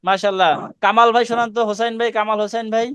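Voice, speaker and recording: High-voiced, brisk male Quran teacher. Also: level tone, a bit bright, clear, resonant tone, no room sound. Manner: coaching and correcting, repeating short commands. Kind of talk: online class instruction. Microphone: video call.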